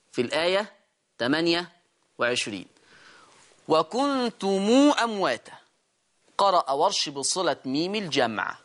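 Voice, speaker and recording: An Egyptian man leads a recitation lesson. He keeps questioning his students, answering himself and repeating key words. He slows down to sound out each word. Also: high-pitched, a bit bright. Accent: Egyptian Arabic. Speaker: Quran recitation teacher. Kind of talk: lesson explaining recitation rules.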